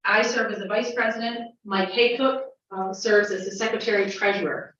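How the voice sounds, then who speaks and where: Woman county official, measured report, fills pauses with "um", heard from afar in an echoey chamber. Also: mid-range voice, fairly even intonation, a bit bright, a little hiss or hum. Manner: measured, with frequent "um" fillers. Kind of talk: formal meeting report. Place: county legislature meeting room. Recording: dull, echoey chamber audio from a distant mic.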